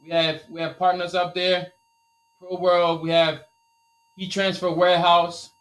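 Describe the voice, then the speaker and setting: With a high voice and a measured pace, a man from Liberia hosts a casual live Q&A about his t-shirt business in his Liberian accent, repeating his message in an energetic, motivational way. The audio is poor.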